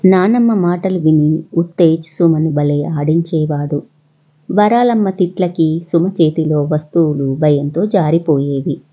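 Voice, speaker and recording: A woman's voice: deep voice, a little slow, husky. A woman narrating a children's moral story in scripted storytelling style. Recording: dull lo-fi recording.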